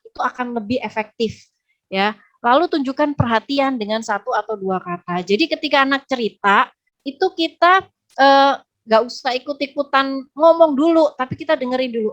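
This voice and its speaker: A woman giving a lively talk to parents in a webinar, often acting out how children and parents speak. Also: on the high side. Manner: lively, acts out child and parent voices in quotes. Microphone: close mic, online webinar.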